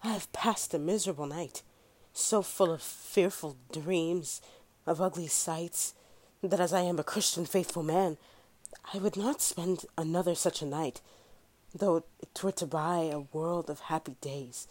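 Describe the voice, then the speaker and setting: A woman's voice: on the low side, measured pace, a little mellow, low-quality recording. A woman playing a frightened, guilt-ridden male duke in prison, speaking in classical stage verse. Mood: haunted. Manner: fearful, pleading classical verse.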